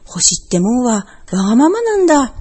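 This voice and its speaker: A woman voicing a proud, easygoing bear father who bluffs a little, in a lowered, self-assured husky tone. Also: very animated, normal speed, a little mellow.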